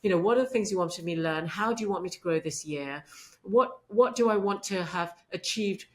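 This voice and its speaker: A middle-aged woman with a lowish voice talks a little fast as a podcast guest, a medical leader in a conversational interview. Her faith talk is earnest and warm, peppered with frequent affirmations.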